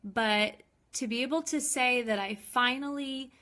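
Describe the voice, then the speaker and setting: A woman's voice: fairly high pitch, unhurried, sharp tone. A woman, talking openly and casually in a personal vlog, with many ums and likes. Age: 20s. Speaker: vlogger.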